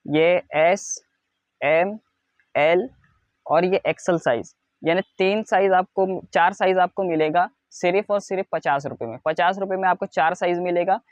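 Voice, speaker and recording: An Indian man giving a product showcase as a wholesale seller, in a repetitive, insistent sales pitch that stresses low prices. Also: moderate pace, no echo. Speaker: wholesale clothing seller presenting stock.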